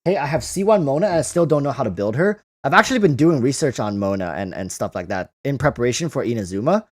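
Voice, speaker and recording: A man hosting a casual livestream reads viewer comments aloud and responds to them, often repeating phrases while thinking out loud. His mid-range voice is expressive and fast.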